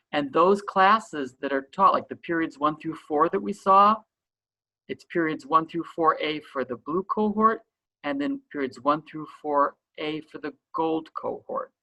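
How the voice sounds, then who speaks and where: A man's voice: a little high, vocal fry, pushed and bright, rough recording. A man gives an online school orientation as principal, explaining things in a reassuring way.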